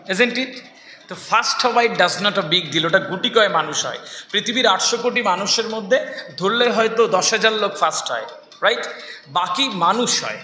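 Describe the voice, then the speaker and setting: Man, motivational speaker, high pitched, echoey hall. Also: slight background noise. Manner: lively, mixes English phrases, rhetorical questions. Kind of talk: motivational speech to students. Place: stage in a hall. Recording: echoey hall with faint ambience.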